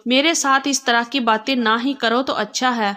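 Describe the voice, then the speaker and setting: A woman's voice: sits high, fairly even intonation, pushed and bright. A woman voicing an angry young woman who refuses a marriage, speaking sharply and defiantly.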